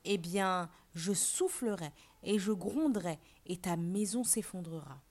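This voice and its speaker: A woman's voice: on the low side, measured pace, darkish tone. A woman voicing a hungry male wolf in a storybook reading for learners, coaxing and threatening.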